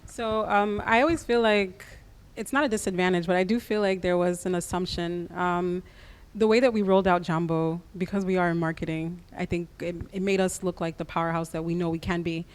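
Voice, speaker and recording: A woman raised in the United States appears as a guest on a radio interview, describing her creative business in a practical, measured way. Her voice is on the low side and smooth, with fairly even intonation.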